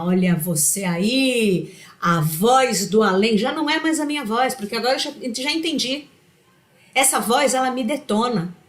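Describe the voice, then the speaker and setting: A woman's voice: medium pitch, reverberant. A woman hosting her own vlog, talking casually about psychology and acting out a harsh inner voice in quotes. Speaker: channel host.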